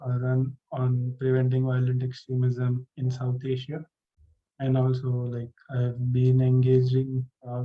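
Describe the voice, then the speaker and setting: A man introduces himself politely to a panel. His pitch barely moves, so the delivery is very flat. The sound is dull, like a video call. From India. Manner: polite, formal self-introduction.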